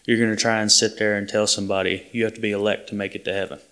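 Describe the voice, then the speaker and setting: A man's voice: lowish voice, flat delivery, rapid-fire, fairly bright tone, smooth. A man preaching a sermon in an earnest, plain-spoken way, often restarting his sentences.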